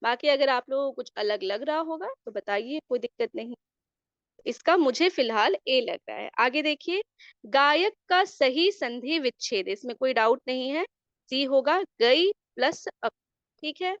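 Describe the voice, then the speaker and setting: A woman with a bright, high voice explains exam answers one by one like a patient teacher. She checks in with her listeners often. The recording is close and dry with a slightly dull, muffled tone. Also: lively intonation, a little slow, dry recording. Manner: explanatory, often adds "theek hai" checks. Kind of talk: exam answer key lesson.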